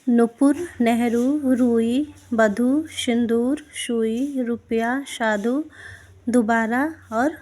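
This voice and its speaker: Slow, deliberate woman teacher. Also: a little high, darkish tone. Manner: slow, deliberate reading of word lists with brief explanations; asks rhetorical questions to students. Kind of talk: exam-prep spelling lesson.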